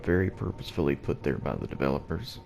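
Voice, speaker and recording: A let's play host delivers gameplay commentary at home early in the morning, his very deep, gravelly, low voice kept hushed so he won't wake the house. Even so, he sounds animated and talks at a quick pace. The recording carries a noisy background hiss.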